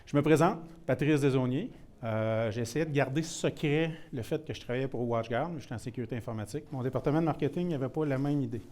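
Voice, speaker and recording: Quick-paced and darkish in tone, a medium-pitched man from Quebec leads a security workshop on technical topics. He keeps things casual and pokes fun at himself, often starting over and slipping English terms into his Québécois French.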